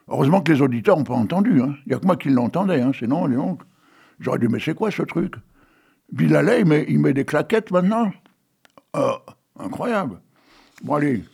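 A man's voice: fairly high pitch, vocal fry, a little mellow, slightly rough. A man in his eighties hosting a radio show, chatting in a teasing, rambling way and reading poems aloud. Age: 80s. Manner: chatty and teasing, full of "hein" and "bon" fillers. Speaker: radio host. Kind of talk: casual radio chat with poetry readings.

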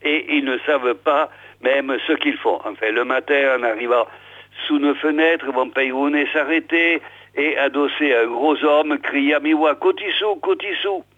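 A man's voice: medium pitch, fairly even intonation, a little slow. A man telling a folksy village tale, chatting to his listeners directly. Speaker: storyteller. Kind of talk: folksy oral storytelling. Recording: tinny phone-like old recording.

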